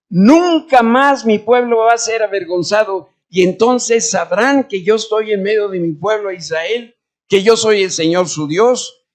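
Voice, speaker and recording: A high-pitched man preaches a sermon as pastor in church, putting questions to the congregation and shifting between loud and quiet delivery.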